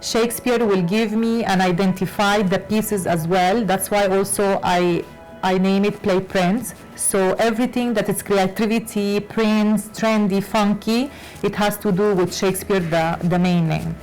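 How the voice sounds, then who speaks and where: A woman fashion designer from Lebanon, raised in Latin America, answering interview questions with many pauses and fillers. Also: mid-range voice, steady tone, a little mellow, faint music behind, poor audio. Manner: hesitant, many fillers and restarts. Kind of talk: conversational interview.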